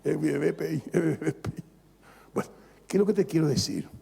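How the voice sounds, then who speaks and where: A male pastor preaching an animated sermon, joking with the congregation and repeating phrases for emphasis. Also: a little high, moderate pace, creaky, breathy edge. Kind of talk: lively sermon. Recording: long reverb of a large church hall.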